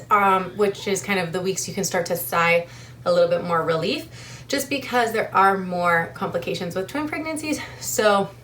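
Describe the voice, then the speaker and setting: A woman's voice: medium pitch, a bit bright. A young adult woman talking casually to camera as a vlogger, chatty with frequent ums and a little short of breath. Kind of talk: casual vlog talk to camera.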